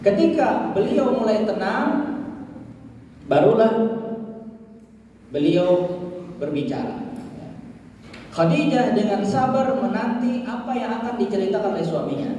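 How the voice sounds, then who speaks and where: A man's voice: high voice, animated, unhurried, long pauses, mellow, slight background noise. A man leading a religious study as a sermon, telling a story and acting out short dialogues in a raised voice. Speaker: school director giving a dawn religious study. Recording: echoey hall, far from the mic.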